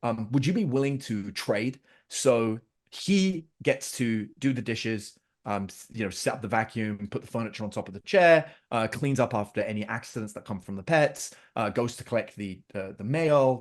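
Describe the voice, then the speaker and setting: On a podcast, a middle-aged male guest recounts family anecdotes in a relaxed chat, performing his own dialogue and his children's with lively energy. His voice sits in the mid range and he keeps a moderate pace.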